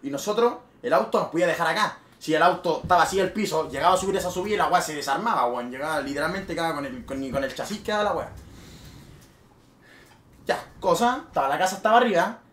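A young man with a Chilean accent, a streamer telling a party story in casual, swear-laden speech with loud bursts. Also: on the high side, quick pace, slight background noise. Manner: animated, swears freely, with sudden loud bursts. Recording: roomy echo.

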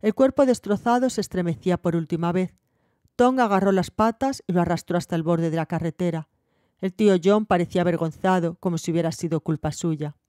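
A woman narrating a novel as an audiobook in a measured, even reading. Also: fairly low pitch, no echo, clean studio sound.

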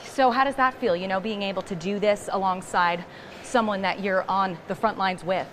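A woman's voice: medium pitch, steady tone, normal speed, a bit bright. A young woman working as a live TV news reporter, upbeat as she talks while exercising in a gym. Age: young adult. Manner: upbeat, talking while climbing a stair machine. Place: indoor gym, on a stair climber. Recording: live gym floor with background machine noise.

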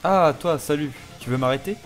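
A man's voice: fairly high pitch, normal speed. Man, let's play commentary, playful, self-mocking, faint background music. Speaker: gaming YouTuber.

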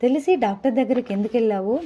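A woman's voice: on the high side, racing, highs cut off, close to an everyday voice. A woman voicing an angry suspicious older husband. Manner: harsh, accusing questions. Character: stern fifty-year-old husband, angry and suspicious.

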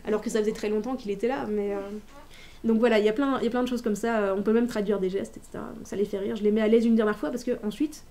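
Mellow-voiced woman, chatty talk. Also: fairly high pitch, fairly even intonation, very fast. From Belgium. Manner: chatty and hesitant, many restarts and filler sounds. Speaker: author presenting a workshop. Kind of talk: informal presentation talk.

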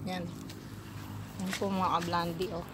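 A woman's voice: on the low side, level tone, unhurried. A woman in her thirties giving a chatty, giggly selfie tour of a rural farm, talking to her viewers on a handheld phone outdoors. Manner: chatty, giggly, addresses viewers as "mga kablandi". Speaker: vlogger. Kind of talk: casual selfie vlog tour. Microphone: phone at arm's length. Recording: phone recording with outdoor noise.

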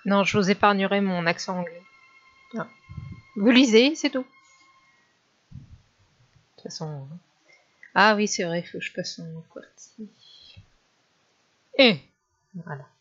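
Woman rambling through a horror game from her dark bedroom, lots of ums, kinda lo-fi. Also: mid-range voice, lively intonation, unhurried, pauses often. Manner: chatty, hesitant with many fillers. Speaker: gamer. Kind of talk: casual let's play commentary.

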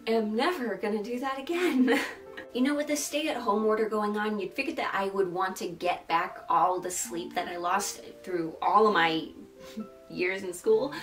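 A woman's voice: mid-range voice, fairly bright tone. Young woman vlogging casually, music behind. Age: young adult. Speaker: sewing vlogger. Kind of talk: casual vlog narration and chat.

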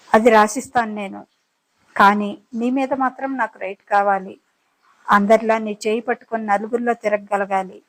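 A fed-up young woman speaks her mind plainly in a spoken audiobook drama, as a woman narrator performs her. She is serious and sharp-tongued. Her voice stays close to the narrator's own pitch. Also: lightly acted, low-quality recording.

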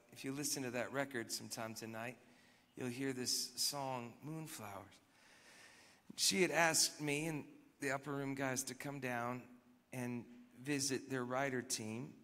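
A man's voice: medium pitch, fairly bright tone. A man leading worship, telling a story in a conversational, reflective way, often dropping to a near whisper. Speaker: worship leader. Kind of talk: sermon-style storytelling. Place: live worship gathering. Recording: long reverb in a large hall.

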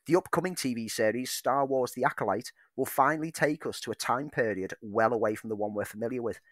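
A man's voice: mid-range voice, fairly quick, a bit bright, no room sound, clean studio sound. A man co-hosting a film podcast, reading out news items and then riffing on them with enthusiasm. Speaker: podcast co-host. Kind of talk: casual film chat.

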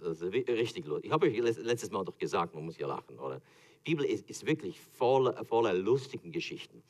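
This medium-pitched man, a pastor with a Swiss German accent, preaches with lively storytelling, laughing as he performs the quotes he recounts.

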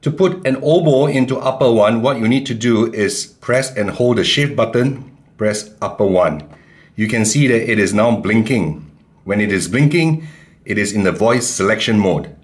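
A man calmly giving step-by-step keyboard instructions in a tutorial. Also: on the low side, normal speed. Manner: calm, plain instructions. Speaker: keyboard teacher.

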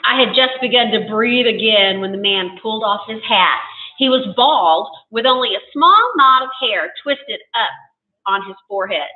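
A woman school librarian reading a story aloud to students, expressive and chatty. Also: on the high side, normal speed. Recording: tinny phone-like, distant.

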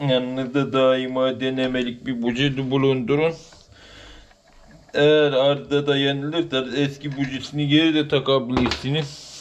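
A man in his thirties calmly explaining a chainsaw repair step by step as a workshop channel host, filmed in an open workshop on the camera's own mic. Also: mid-range voice, moderate pace. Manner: plain, explanatory, matter-of-fact. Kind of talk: casual repair walkthrough. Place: open workshop with outdoor light. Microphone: camera mic, filming his own hands. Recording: noisy workshop recording.

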